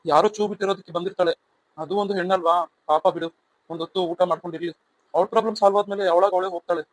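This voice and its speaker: A man's voice: sits high, fairly even intonation, racing, no echo, close to an everyday voice, poor audio. A man voicing a stern, protective elder brother in a cartoon serial, blunt and commanding.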